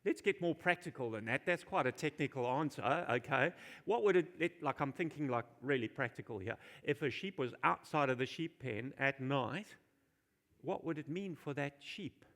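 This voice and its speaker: Guy preaching in church, kinda gravelly voice, asks the crowd questions, says the big lines twice. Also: mid-range voice, animated, moderate pace, a bit bright. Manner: questions the congregation and repeats key phrases for emphasis; informal and jokey. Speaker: pastor. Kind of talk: sermon.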